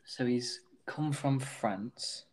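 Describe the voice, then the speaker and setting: A man works through a football quiz out loud. He hesitates and muses over his guesses in a casual, mid-pitched voice. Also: very slow. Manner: thinking aloud, hesitant guesses. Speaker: quiz contestant.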